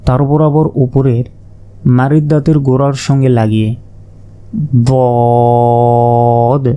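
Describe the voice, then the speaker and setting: A man teaching Quran reading, slowly naming and repeating each Arabic letter and explaining how to pronounce it. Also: medium pitch, dark tone, clean tone. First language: Bengali. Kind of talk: slow letter-by-letter pronunciation lesson.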